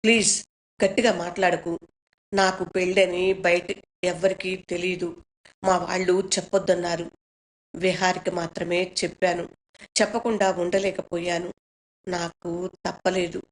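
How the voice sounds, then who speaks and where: A woman voicing a frightened young woman torn by family duty, speaking in a hushed, pleading way. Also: on the low side, flat delivery, a little slow, long pauses, lightly acted.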